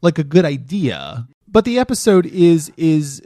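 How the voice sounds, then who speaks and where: Male podcast co-host, animated critical chatter, stumbling restarts, dry close sound. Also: a little high, a little slow, no echo. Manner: animated, repeats words when restarting. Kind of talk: casual critical chat.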